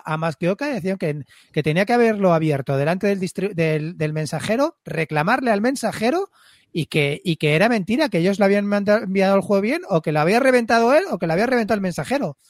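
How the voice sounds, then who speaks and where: Casting: Spanish man, high voice, indignant complainer. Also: no echo, clean studio sound. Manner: indignant, repetitive, swears. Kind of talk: casual chat.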